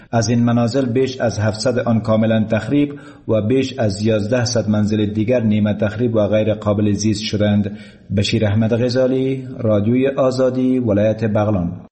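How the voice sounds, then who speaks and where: A man's voice: fairly low pitch, fairly even intonation, warm tone. A man with an Afghan accent narrating a scripted radio news report.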